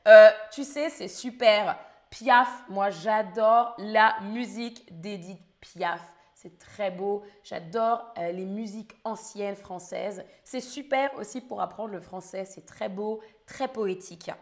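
A woman with a slightly hoarse voice teaching French on a live stream, speaking slowly and carefully and spelling words out letter by letter. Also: medium pitch. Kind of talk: live-streamed language lesson quiz.

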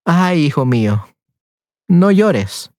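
A man voicing a grieving mother gently consoling her son, in a storybook reading. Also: fairly high pitch, sing-song, takes it slowly, no room sound, clean studio sound.

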